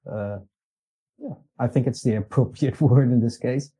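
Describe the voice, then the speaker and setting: A man with a Portuguese accent, a company executive appearing as a podcast guest, talks in an easygoing, meandering way and chuckles at himself now and then. His voice is medium-pitched, warm, and husky, at a normal speed.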